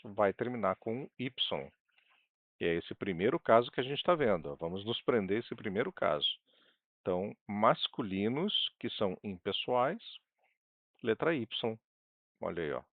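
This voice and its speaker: A Brazilian man with a Brazilian Portuguese accent teaching a language online, patiently repeating words slowly and stressing syllables. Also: on the low side, sing-song, dry recording, narrow, tinny audio.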